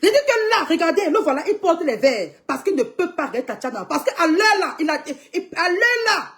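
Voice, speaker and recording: On a live stream, a young woman keeps urging people to tune in, her exclamations full of frequent cries to God. Her very high voice is sing-song and a bit bright, moving at a moderate pace.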